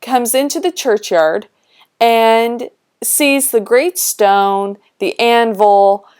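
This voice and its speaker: A woman's voice: on the high side, extremely slow, a little mellow, clean tone. A woman teacher explaining a text in a chatty way, reading old quotes aloud with playful voices. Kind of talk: explaining a text while scrolling a document.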